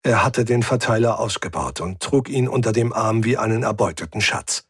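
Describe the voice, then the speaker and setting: A man reads a first-person adventure with steady tension, his voice a little husky. The recording is dry, with no room sound. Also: brisk, dry recording. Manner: tense, voices characters by pitching up. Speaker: audiobook narrator. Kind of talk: dramatic first-person audiobook reading.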